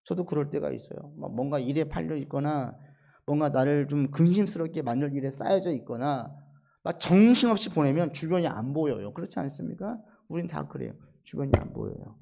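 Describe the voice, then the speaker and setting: A man's voice: lively intonation, fairly quick, creaky. Emphatic male pastor preaching. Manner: swings between soft low asides and raised, emphatic acted-out quotes. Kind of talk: sermon.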